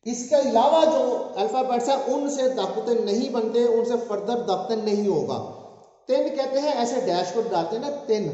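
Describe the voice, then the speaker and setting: A man's voice: very high-pitched, mellow. A man teaching a language lesson, writing out sounds and coaxing learners to repeat after him. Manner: coaxing, calls for repeating aloud. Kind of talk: spoken language lesson with drills. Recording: dull echoey room, long reverb.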